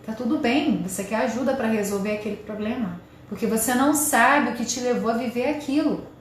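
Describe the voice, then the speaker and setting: A woman's voice: a little high, fairly quick. A woman giving marriage advice straight to the viewer, in an earnest, coaching way. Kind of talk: direct-to-camera advice talk. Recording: very echoey room with faint noise.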